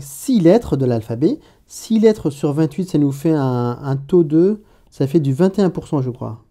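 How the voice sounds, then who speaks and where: A man teaching an online language lesson in a relaxed, informal way, addressing the learner directly and often pausing to restart his sentences. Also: a little high. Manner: informal, hesitant with many restarts and fillers. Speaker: Arabic teacher.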